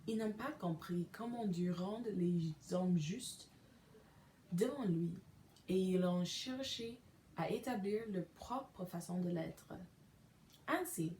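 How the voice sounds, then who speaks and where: Slow, careful woman reading scripture. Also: fairly low pitch, animated, mellow, slight background noise. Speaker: podcast host reading a daily devotional. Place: her bedroom. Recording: echoey room recording.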